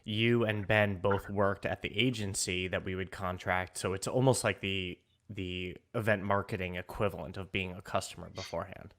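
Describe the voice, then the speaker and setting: A man co-hosting a talk show, teasing the guests and cutting in with quick questions over a video call. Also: sits low, fairly even intonation, a bit bright. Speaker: podcast co-host. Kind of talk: casual chat.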